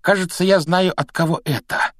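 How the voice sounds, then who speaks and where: A man voicing an excitable, easily awed boy wizard in a storybook reading, with high, breathless exclamations. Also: moderate pace, no echo, clean studio sound. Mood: excited.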